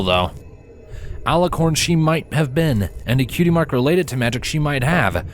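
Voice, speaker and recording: A man reading a story aloud with steady, even narration. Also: mid-range voice, a little hiss or hum. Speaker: fanfiction reader.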